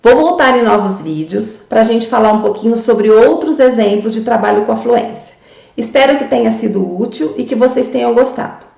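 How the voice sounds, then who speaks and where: A woman with a Brazilian Portuguese accent, training teachers in a tutorial and sounding out words slowly syllable by syllable. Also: on the high side, creaky, darkish tone, roomy sound. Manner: slow, syllable-by-syllable demonstration for young children.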